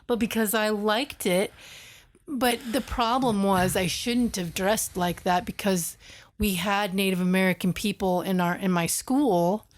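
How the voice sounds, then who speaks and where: A woman's voice: mid-range voice, steady tone, a little slow. A woman co-hosting a podcast in casual chat, reflective and a little hesitant, restarting as she thinks aloud. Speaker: podcast co-host.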